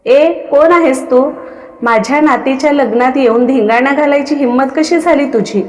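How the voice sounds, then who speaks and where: Woman playing a scolding old grandmother, bossy, high voice, long reverb. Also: moderate pace, close to an everyday voice. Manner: scolding, ordering others about.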